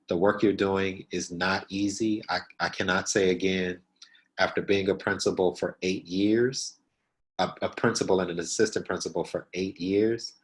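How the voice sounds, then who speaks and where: A man with a very low voice gives a keynote to new school principals. He speaks directly and earnestly, circling back to repeat the points he wants to land. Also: rough recording. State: out of breath.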